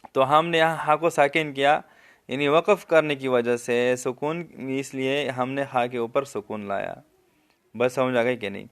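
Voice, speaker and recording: A man with a Pakistani Urdu accent, speaking in a smooth, resonant voice that sits a little higher than most men's. He teaches Quran recitation step by step, stretching the verses out slowly and melodically to show each sound. His explanations are patient and practical. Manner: asks the listener if they understood. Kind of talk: tajweed lesson with slow demonstration recitation.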